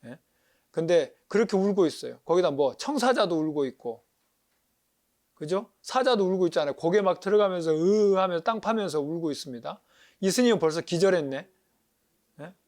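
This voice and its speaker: A man, a Buddhist monk, giving a lively lecture on paintings, acting out sounds and asking his listeners questions. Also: high voice, moderate pace. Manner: animated, acts out crying animals, asks audience questions.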